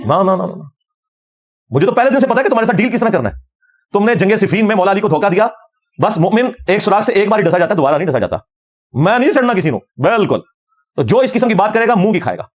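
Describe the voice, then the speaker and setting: Middle-aged male religious scholar, combative lecture delivery at a quick pace. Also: high-pitched. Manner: combative, fervent, quotes Arabic verses.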